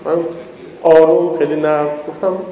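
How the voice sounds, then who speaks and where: A man with a high, mellow voice tells jokey stories to an audience. His voice rings out in a large, echoey hall with a long reverb tail. He talks casually and acts out the people in his anecdotes. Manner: storytelling, jokey, animated quoting of others. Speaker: speaker giving a public talk. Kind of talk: informal talk with humorous anecdotes.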